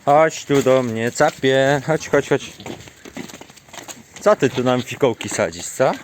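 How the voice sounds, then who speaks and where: A man talks casually outdoors in his farmyard, recording on a handheld camera as he walks around. He chats to the viewers and to his animals, scolding them and calling them in with a raised voice. His voice sits at an ordinary middle pitch, with a faint background hiss. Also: slow pace. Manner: chatty, scolds and coaxes animals, calls them in a high voice. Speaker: farm vlogger. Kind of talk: casual chat while feeding animals.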